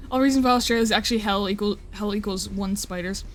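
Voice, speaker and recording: In a mid-range voice at a slightly quick pace, a young woman chats casually on a live stream. She rambles, swears, laughs, and keeps interrupting herself.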